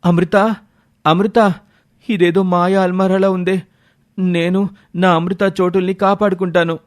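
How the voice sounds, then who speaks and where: Cartoon storybook role: man doing brave young friend, a bit higher than usual, urgent and resolute. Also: flat delivery, a little slow, no room sound, clean studio sound. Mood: distressed. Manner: urgent, calling out and determined. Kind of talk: animated storybook voice acting.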